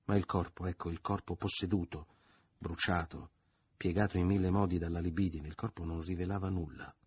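A man narrates a novel in a low, husky voice, measured and dramatic, sometimes sinking almost to a murmur. The sound is close and dry, with no room around it. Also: fairly even intonation, a little mellow, no room sound. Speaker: audiobook reader.

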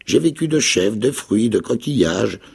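An actor playing a ragged, half-mad old marooned pirate with a raspy, creaking voice, pleading and eager in a dramatic radio reading of a novel. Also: male voice, measured pace, exaggerated voice. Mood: wistful pleading. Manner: high, pleading, eager voice with excited leaps.

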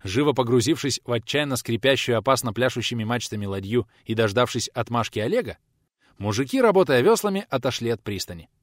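Male audiobook narrator, mid pitch, animated delivery, dead-dry close recording. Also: quick pace, no echo. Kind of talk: scripted narration.

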